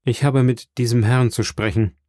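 A man voicing a grieving, kindly middle-aged shipowner in an audiobook, with an earnest, warm delivery. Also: mid-range voice, fairly even intonation, normal speed, no room sound, studio quality, close to an everyday voice. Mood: sorrowful, kind.

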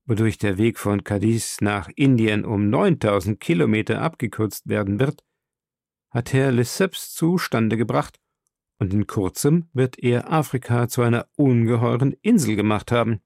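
A curious professor full of wonder, read by a man for an audiobook. His voice is dark and mellow, and the recording is dry and close with no room sound. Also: mid-range voice, normal speed, vocal fry, no echo, close to an everyday voice. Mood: astonished. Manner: wondering and questioning. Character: astonished male scholar, a curious professor. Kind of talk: audiobook role reading.

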